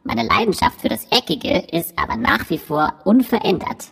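A woman in a disguised deep voice, voicing an aging, boastful dinosaur who speaks the riddling clues of a quiz. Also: sing-song, moderate pace, vocal fry, fairly bright tone, breathy edge, exaggerated voice. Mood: proud. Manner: riddling, rhyming clue delivery. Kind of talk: scripted quiz clue recording. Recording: recording with long hall reverb.

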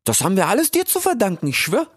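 A man's voice: high voice, wildly swooping pitch, fast, slightly rough, no echo, clean studio sound, voice pushed up, heavily acted. A man doing a brash, slangy young animal. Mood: cheerful. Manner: slangy, tags lines with "ja?" and "ich schwör". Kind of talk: audiobook character voice.

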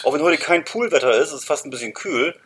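A man's voice: on the high side, lively intonation, quick pace, a bit bright, slightly rough. A man chatting casually as a podcast co-host, explaining things and addressing the listeners directly.

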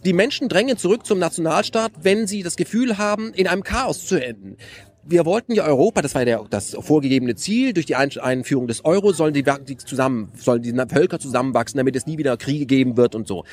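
A man speaking in an animated casual conversation, explaining his views with many restarts and rhetorical questions. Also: on the high side, quick pace. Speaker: interviewee.

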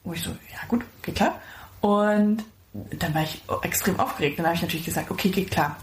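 Excitable woman podcast co-host, gushing, casual chat, roomy sound. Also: on the low side, fast talker, a little hiss or hum. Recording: echoey room.

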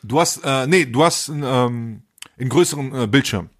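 A man's voice: medium pitch, normal speed. A man hosting a podcast, telling a comedic story in crude street slang and acting out the lines he quotes. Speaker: podcast host.

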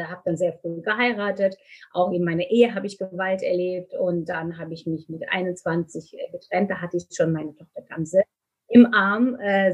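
A woman's voice: mid-range voice, darkish tone, breathy edge, low-quality recording. A middle-aged woman from Turkey, speaking candidly and earnestly as an interview guest, with many fillers. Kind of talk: conversational interview.

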